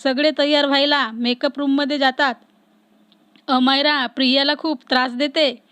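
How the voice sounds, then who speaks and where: Woman, storyteller, high voice, steady even reading, dry close sound. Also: normal speed, dry recording. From Maharashtra, India. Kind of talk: scripted story narration.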